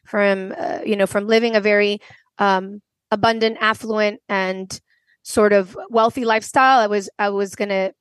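A woman's voice: mid-range voice, fairly even intonation, moderate pace, no room sound. A woman in her forties from Venezuela, a podcast guest telling a personal story earnestly, with frequent restarts. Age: 40s.

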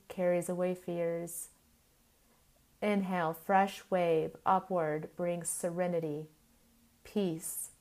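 Her voice on the lower side, a woman eases listeners into yoga nidra the way a sleep story narrator would. Each short, measured phrase is followed by a long pause.

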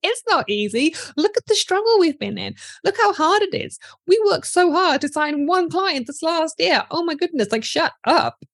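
A woman's voice: sing-song, moderate pace, few pauses, dry recording, clean studio sound, heavily acted. A woman putting on a sneering mean-girl gremlin voice. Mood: mocking. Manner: mocking, high-pitched, sneering. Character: snide mean-girl mindset gremlins, female, scornful.

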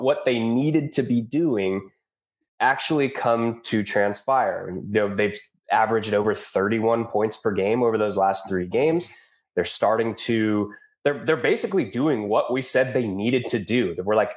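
A man with a stuffed-up nose from a cold, co-hosting a podcast with casual, informal sports analysis. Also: lowish voice. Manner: informal, says dude and man. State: congested from a cold. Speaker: podcast co-host.

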